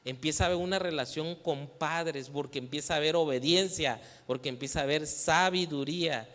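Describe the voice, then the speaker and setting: A man with a Mexican Spanish accent preaches to young people in a church hall, his voice sitting fairly high. He keeps throwing questions at the audience and waits for them to answer, teasing them along the way. The sound carries a long reverb from the big room. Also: a little fast. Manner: lively, teasing, playful with the youth. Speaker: youth preacher. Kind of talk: sermon.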